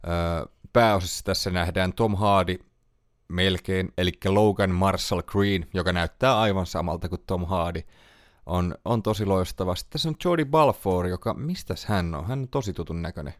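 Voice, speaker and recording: A man with a very low voice talks through his picks on a solo podcast. He rambles casually, pausing to recall names and correcting himself along the way. The sound is close and completely dry, with no room around it. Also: dry recording. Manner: chatty, thinks aloud, trails off and corrects himself. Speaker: podcast host.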